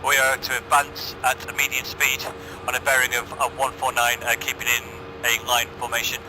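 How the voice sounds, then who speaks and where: A man giving halting military radio callouts with call signs over a crackly radio. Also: mid-range voice, completely flat delivery. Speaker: vehicle commander in a military game. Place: online game voice comms. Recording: very noisy crackly radio with vehicle noise.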